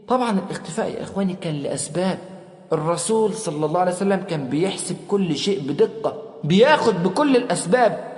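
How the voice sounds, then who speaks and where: Egyptian preacher guy, high voice, tells the story real dramatic, big echoey hall. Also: darkish tone. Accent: Egyptian Arabic. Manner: dramatic, acts out quoted speech with sudden rises and drops. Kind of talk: Islamic sermon storytelling.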